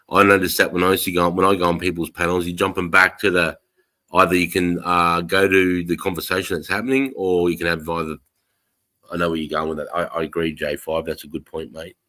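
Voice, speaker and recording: A man's voice: low voice, bright, forceful tone. An Australian man hosting a casual livestream, chatting in a blokey, slangy way with plenty of swearing. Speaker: livestream host.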